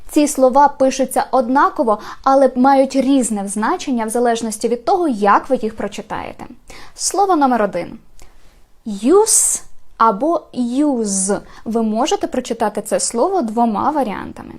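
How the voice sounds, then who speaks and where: A woman with a Ukrainian accent teaching English in a short video lesson, explaining clearly and saying example phrases slowly and carefully. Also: fairly high pitch, expressive, a little mellow.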